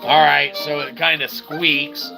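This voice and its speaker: Slow and flat, with a slightly high voice and vocal fry, this game streamer rambles through chatty let's-play commentary. He keeps tagging his remarks with "okay" and "all right" while loud video game music plays in the background.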